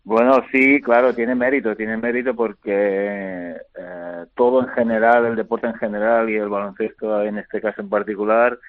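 A middle-aged man, a retired basketball player, answering interview questions by phone in a halting way, repeating words and filling pauses. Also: on the low side, steady tone, no echo. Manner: halting, repeats words often, many fillers. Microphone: telephone. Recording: tinny phone line.

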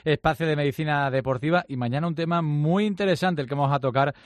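A man's voice: fairly high pitch, fast talker, no room sound. A man hosting a sports radio show, chatting in a casual, emphatic way with frequent fillers.

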